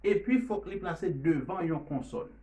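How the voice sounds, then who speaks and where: A man teaching English pronunciation, repeating each drill word slowly and loudly. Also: on the high side, lively intonation, far from the mic. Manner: repeats drill words loudly and slowly, mixes French and Creole. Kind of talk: pronunciation lesson.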